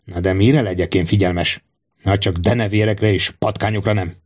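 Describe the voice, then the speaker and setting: Male reader as a young guard, muttering and wry, low voice, storybook reading. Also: steady tone. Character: quiet, wry twenty-year-old male guard.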